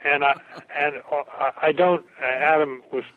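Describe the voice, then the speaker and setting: An older man, a historian, answering interview questions in a reflective academic way, halting and repeating words as he thinks. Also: a little high, steady tone. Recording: tinny phone-like radio recording.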